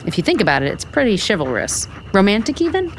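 An actor in a romantic comedy audio drama voices a sarcastic, flustered woman author who is easily exasperated, very animated, wry and evasive. Her medium-pitched voice moves quickly with a sarcastic, excitable manner. There's slight background noise.

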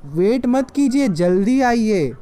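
An anxious boy begs his cousin not to give up, as a teacher reads him aloud. His voice is soft and mellow and his speech is unhurried. A storybook reading. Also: mid-range voice, big pitch swings, pitched above the performer's own voice. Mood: pleading.

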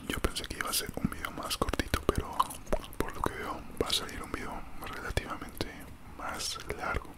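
A young man whispers casually in a breathy ASMR style right up at the microphone, chewing gum as he chats. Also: normal speed. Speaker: ASMR creator. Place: small room indoors at home. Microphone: large desktop condenser mic, very close.

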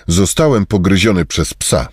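Deep, husky man reading phrases. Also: dry recording, studio quality. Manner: measured, even delivery of short phrases. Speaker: Polish phrase reader.

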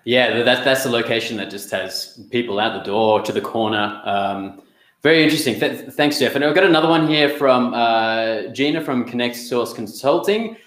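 A man's voice: medium pitch, normal speed, a bit bright. A young man hosting a business interview over a video call, friendly, reading out audience questions. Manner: friendly, reads audience questions, stumbles on restarts. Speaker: host. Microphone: webcam on a video call. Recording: echoey room on a video call.

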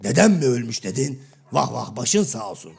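Brief: a man playing a raspy, half-deaf shadow-play joker, rough gravelly voice that swings wildly up and down, cheeky and mock-innocent. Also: mid-range voice, very animated, normal speed, darkish tone, full character voice. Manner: mishears everything and answers with cheeky misunderstandings. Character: Karagöz, blunt mishearing everyman, male, middle-aged. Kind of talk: comic shadow-play sketch.

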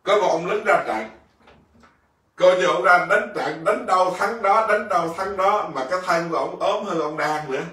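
A monk tells a lively story to his listeners, chuckling as he goes and slipping into the voices of his characters. His voice sits a touch high for a man. The recording is roomy and picked up from a distance. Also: normal speed. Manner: lively, laughing, acts out a king and a soldier. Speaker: Buddhist monk teacher. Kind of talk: storytelling dharma talk. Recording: echoey room, voice from a distance.

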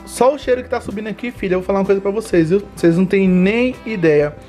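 A man's voice: high-pitched, quick pace, dark tone, faint music behind. A young man with a Bahian accent, chatting casually and teasingly to viewers as he hosts a home cooking vlog. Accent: Bahian Brazilian Portuguese. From Bahia, Brazil. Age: young adult. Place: home kitchen, indoors.

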